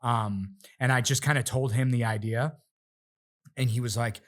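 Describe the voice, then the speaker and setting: A lively male guest who tells his stories with plenty of energy. He often slips into little acted-out voices for the people he quotes. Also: medium pitch, normal speed. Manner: animated storyteller, acts out quotes in other voices. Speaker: guest, realtor and rapper. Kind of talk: casual interview chat.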